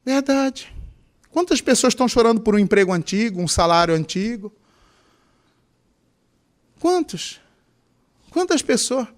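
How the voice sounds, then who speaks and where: Lively high-voiced male preacher from Mato Grosso. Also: measured pace, pauses often. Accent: Mato Grosso Brazilian Portuguese. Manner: dramatizes scripture and congregants in high, tearful put-on voices; asks the congregation questions. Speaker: pastor. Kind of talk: sermon.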